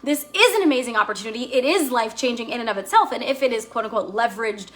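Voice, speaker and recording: A woman coaching actors in a motivational teaching talk, explaining earnestly and guiding slow breaths. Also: on the high side, expressive, a bit bright. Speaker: acting career coach.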